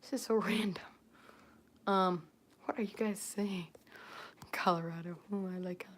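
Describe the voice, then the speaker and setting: A woman's voice: medium pitch, steady tone, normal speed, slight background noise. A woman chatting casually on a home livestream, rambling and flustered, full of ums, sometimes dropping to a near whisper as she reads comments.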